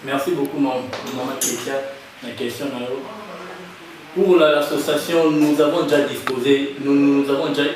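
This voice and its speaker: A man's voice: mid-range voice, steady tone, normal speed, a crowd in the background. Young Congolese man, hesitant, echoey room. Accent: Congolese French. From Kinshasa, Congo. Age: young adult. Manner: hesitant, many restarts and fillers, mixes in Lingala. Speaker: guest, association president. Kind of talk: interview answers. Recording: very echoey room, far from the mic, light noise.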